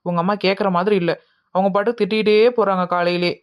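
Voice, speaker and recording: A woman's voice: medium pitch, fairly even intonation, fast talker, smooth, natural voice. A woman playing a put-upon young daughter-in-law who pleads to be heard in a comedy skit. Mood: pleading. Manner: pleading, complaining.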